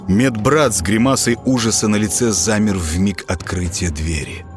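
A man narrating a story in an expressive reading style. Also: fairly low pitch. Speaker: audiobook reader. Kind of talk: scripted narration.

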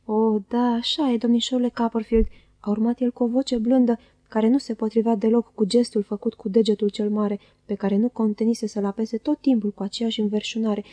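A woman reads a classic novel aloud in a measured, expressive first-person narration. Her voice is mellow and a little high, recorded close and dry. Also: dry recording. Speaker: audiobook reader. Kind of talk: literary audiobook narration.

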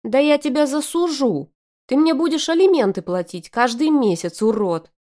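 A woman voicing a shrill, scheming young woman who shrieks indignantly at her ex. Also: expressive, moderate pace, close to an everyday voice.

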